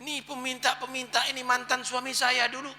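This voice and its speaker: A man's voice: monotone, brisk, bright, forceful tone, in a large hall, heavily acted. A man doing a tearful, shaken wife. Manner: high, tearful pleading.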